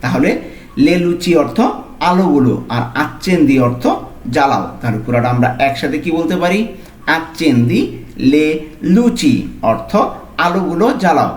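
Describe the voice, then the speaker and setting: A man with a somewhat high voice gives a language lesson. He goes slowly and repeats each phrase piece by piece. The room around him echoes noticeably. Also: lively intonation. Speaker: language tutor. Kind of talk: lesson narration.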